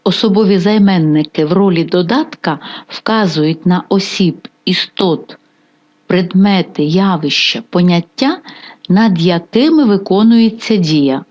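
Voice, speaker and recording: Slow, careful Ukrainian woman teaching. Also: fairly low pitch, darkish tone. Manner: dictates word by word with careful pauses. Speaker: Italian language teacher. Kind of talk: slow, deliberate grammar lesson. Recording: dull lo-fi voice-over.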